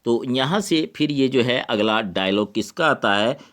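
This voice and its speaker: A man with an Indian accent teaching a literature lesson, reading English lines slowly and explaining them in Hindi. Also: medium pitch, expressive, a bit bright.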